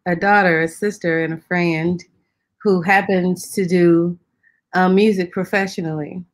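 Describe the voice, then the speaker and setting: A woman singer as a guest on a chat show, relaxed and chatty. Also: lowish voice, measured pace. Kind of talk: casual interview chat.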